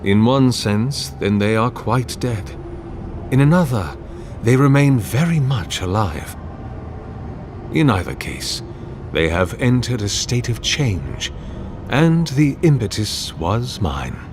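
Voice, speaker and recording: A calm, philosophical game villain. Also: male voice, medium pitch. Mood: musing. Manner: measured, formal, musing. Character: calm, philosophical male villain, coolly menacing. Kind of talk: video game voice acting. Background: game music.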